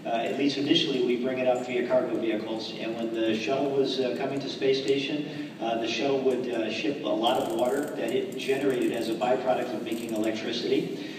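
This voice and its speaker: A man's voice: medium pitch, fairly even intonation. Man on a noisy space radio downlink. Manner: earnest, measured, with frequent restarts. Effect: space station radio downlink. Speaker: astronaut answering students. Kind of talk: casual explanatory answers. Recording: echoey, distant, noisy radio link.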